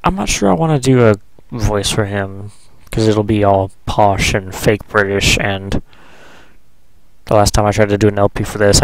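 A man's voice: on the low side, low-quality recording. A man giving casual, rambling, joking commentary as he plays a video game. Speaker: let's player. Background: video game music.

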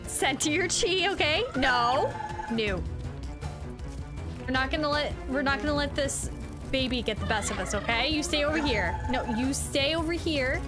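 Sarcastic high-voiced woman streamer. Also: animated, moderate pace. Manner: sarcastic, talks to game characters. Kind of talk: casual gameplay commentary. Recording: loud game music behind. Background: game music.

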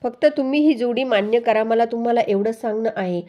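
A woman's voice: a little high, a little fast, dull audio, lightly acted. A woman reading a teasing mother. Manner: teasing, affectionate, read out plainly. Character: teasing mother-in-law, matchmaking and amused.

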